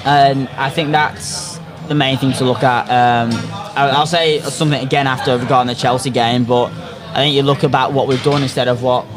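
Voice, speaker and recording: A man's voice: medium pitch, steady tone, normal speed, over music. A man hosting a casual football podcast chat in an opinionated, sweary way. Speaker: podcast host.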